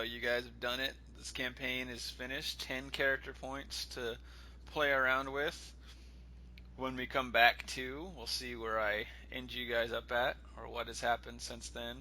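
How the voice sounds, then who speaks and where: Slow-paced, very bright-voiced male game master. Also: mid-range voice, flat delivery, a little hiss or hum, low-quality recording. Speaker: game master, podcast host. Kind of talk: improvised tabletop game narration and banter.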